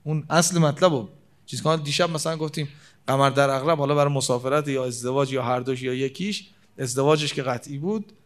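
A man preaching a religious sermon from the pulpit. He slows right down to quote scripture and swings between raised and hushed delivery. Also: medium pitch, steady tone.

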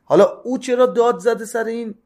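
A man giving a religious talk. He reads out classical Arabic lines and then retells them in relaxed, colloquial speech, jumping between loud, stressed phrases and soft, quick asides. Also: very high voice. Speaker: religious lecturer. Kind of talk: sermon-style hadith storytelling.

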